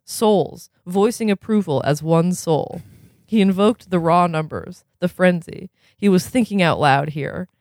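A man's voice: high-pitched, no echo, clean studio sound. A man, as a podcast host, reads a novel aloud expressively and then breaks off for casual chat full of fillers.

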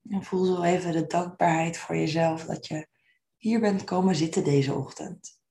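A woman's low, very even voice guides a meditation at a moderate pace, yet her phrasing stays gentle and unhurried. The tone is soft and soothing, with creakiness at the close of phrases.

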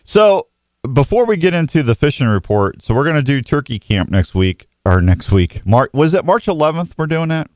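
A man's voice: on the high side, sing-song, normal speed, darkish tone, dry recording. Folksy male radio host, dry studio sound. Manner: folksy, joking. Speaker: radio host of a weekend outdoors show. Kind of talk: casual live sports radio chat with callers. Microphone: close studio microphone.

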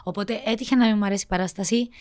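Lively young Cypriot woman co-host. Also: mid-range voice. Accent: Cypriot Greek. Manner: lively and expressive, quick to agree. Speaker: podcast co-host. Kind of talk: casual chat.

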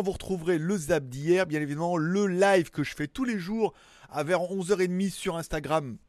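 This man hosts a laid-back tech news show from his home in Thailand, talking to camera in a rambling, self-mocking way with lots of fillers. His voice is a little high, and there's no room sound.

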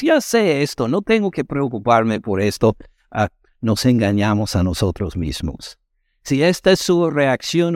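A pastor with a slightly high voice preaches emphatically in church, throwing rhetorical questions at the congregation. The audio is clean studio sound with no room sound.

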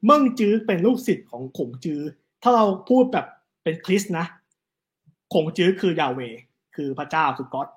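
A man, telling history stories in a casual, animated chat. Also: on the high side. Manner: animated, fast storytelling with quick asides. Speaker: guest storyteller on history.

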